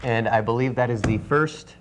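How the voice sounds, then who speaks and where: A man's voice: medium pitch, moderate pace, noisy background. An American man anchoring morning news, moving between a broadcast read and ad-libbed banter.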